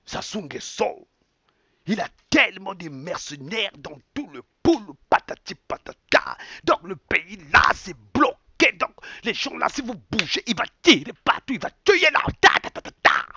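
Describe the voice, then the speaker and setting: A man rants with mocking exclamations, repeating words. His bright, gravelly voice leaps up and down in pitch. The sound is dull and lo-fi but dry. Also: no echo. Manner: repetitive, mocking, exclamatory, mixes in local phrases. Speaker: online commentator. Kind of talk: impassioned rant.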